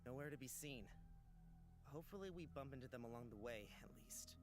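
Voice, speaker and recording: Man voicing Rain, a quiet, hesitant young lover. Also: mid-range voice, animated, a little fast, faint music behind, natural voice. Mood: uneasy. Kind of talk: visual novel voice acting.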